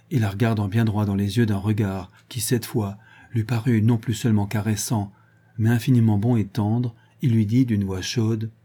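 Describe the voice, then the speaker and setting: Brief: measured audiobook narrator, man, husky and dark. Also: lowish voice. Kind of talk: literary audiobook reading.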